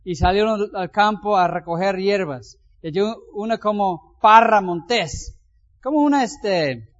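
Brief: male pastor, high voice, reads scripture and adds homely asides, dull recording. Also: a little slow. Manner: reads scripture aloud, then comments with folksy asides. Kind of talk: Bible reading and sermon. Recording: dull lo-fi sound.

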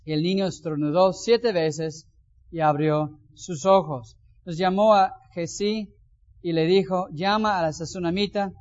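Pastor guy reading the bible then chatting about it, kinda high voice, muffled lo-fi audio. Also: fairly even intonation, unhurried, a little mellow. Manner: reads scripture aloud, then comments with folksy asides. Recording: dull lo-fi sound.

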